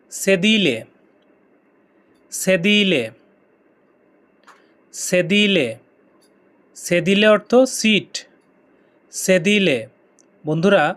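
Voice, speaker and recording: Male teacher, slow and deliberate, repeats each term in a drill. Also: high voice, a bit bright. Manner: repeats each word several times, drawn out. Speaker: language teacher. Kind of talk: slow vocabulary drill lesson.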